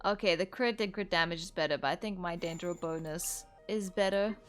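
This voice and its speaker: Game music plays behind a gaming video creator, a young woman with a fairly low, brisk voice. She gives informal, rambling commentary, thinking aloud as she plays.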